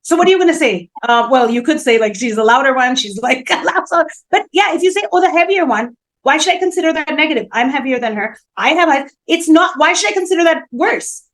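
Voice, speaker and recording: Woman, high voice, animated, emphatic, chatty co-host. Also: brisk, hardly any pauses, rough recording. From India. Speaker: talk show co-host. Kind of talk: casual chat.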